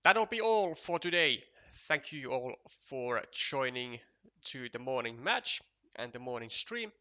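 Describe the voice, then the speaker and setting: A Finnish-accented man offers relaxed, leisurely commentary on a board game match during a live stream, chatting freely and using lots of fillers. His medium-pitched voice is bright, pushed, and highly animated.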